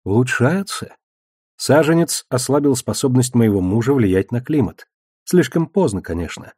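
Audiobook: tired, subdued sorceress queen, voiced by a man, mellow and husky, dry sound. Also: medium pitch, expressive, moderate pace, dry recording. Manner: subdued, quiet. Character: weary, powerful sorceress queen.

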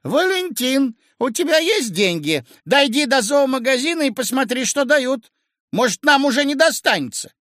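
A man's voice: very high voice, sing-song, moderate pace, a bit bright, dry recording, clean studio sound, pitched above the performer's own voice, heavily acted. A man playing a fussy housewife calling out. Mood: urgent. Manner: calling out insistently.

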